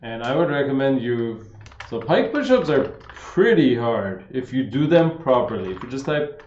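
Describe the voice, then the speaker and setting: Male fitness coach, casual livestream Q&A, relaxed and chatty, roomy lo-fi sound. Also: mid-range voice, moderate pace. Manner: laid-back, says "man" and "like" a lot, reads questions aloud. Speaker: fitness coach answering viewer questions. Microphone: streaming setup. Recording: roomy, slightly dull livestream audio.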